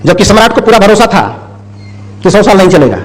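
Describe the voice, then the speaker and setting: High-voiced man telling a moral tale. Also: fairly quick, low-quality recording. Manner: animated storyteller who acts out the quotes. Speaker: speaker. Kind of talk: moral storytelling talk.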